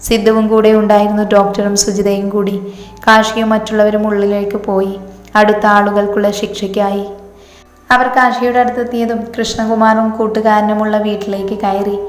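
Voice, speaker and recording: Lady reading a story out loud, flat monotone-ish, big echoey room with long reverb. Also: medium pitch, moderate pace. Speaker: story narrator. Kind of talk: storybook narration.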